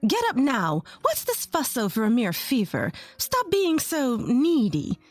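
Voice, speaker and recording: A spiteful, sneering mother-in-law, her voice pitched high and scolding, as a woman narrator puts her on. She is a bitter middle-aged woman in a storybook drama, and the voice is close and dry, with faint music behind. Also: huge pitch swings, a little slow, no room sound, full character voice. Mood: scornful.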